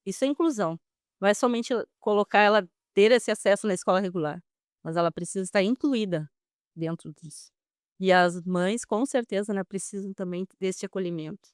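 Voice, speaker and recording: A woman's voice: mid-range voice, fairly quick, smooth, no room sound, clean studio sound. A woman guest speaking earnestly and emphatically about inclusion in an interview. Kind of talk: interview answers.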